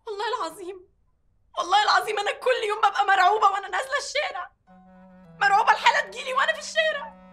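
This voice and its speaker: A woman's voice: extremely high pitch, sharp tone, exaggerated voice. An actress playing a distraught young woman in a TV drama, speaking Egyptian Arabic with bitter, tearful emotion. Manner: pleading then bitter, emotional. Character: anxious young woman, patient, Nagla. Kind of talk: TV drama acting.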